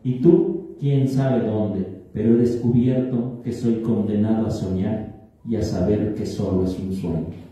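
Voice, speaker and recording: Male poet reads his verse; deep-toned and mellow; roomy, distant recording. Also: fairly even intonation, a little slow. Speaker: poet reading his own poem. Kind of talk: poetry reading. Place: reading event in a hall. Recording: echoey hall from far off.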